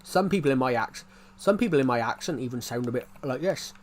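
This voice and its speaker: On a live stream, a young game streamer with a strong regional British accent talks fairly quickly in an expressive, mid-range voice. There's a faint hiss or hum in the audio. He's from the UK but not London, and he rambles, repeats himself and restarts again and again.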